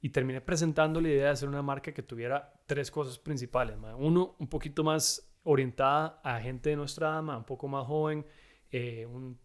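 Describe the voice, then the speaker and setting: A Costa Rican man in his thirties, telling stories as a guest in a relaxed chat, saying "mae" often. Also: mid-range voice. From Costa Rica. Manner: relaxed, says "mae" constantly, storytelling. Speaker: guest, tequila brand founder. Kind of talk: casual podcast chat.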